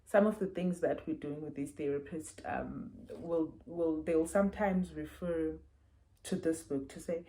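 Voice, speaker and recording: A woman's voice: low voice, a little slow, warm tone, a little hiss or hum, rough recording. A woman with a South African accent, a parent casually reviewing books to camera and explaining things earnestly with examples, recorded on wireless earbuds.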